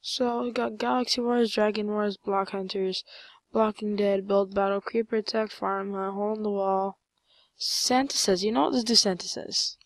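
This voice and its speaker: A woman giving casual, rambling commentary over her own gameplay, full of fillers and sudden excited outbursts. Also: mid-range voice, normal speed, no room sound.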